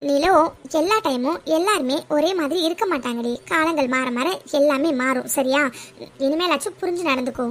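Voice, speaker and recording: A woman voicing a level-headed young college woman who calms her friends in a cartoon story. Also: sits high, fairly quick, natural voice. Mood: reasoning. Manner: reasoning, calming.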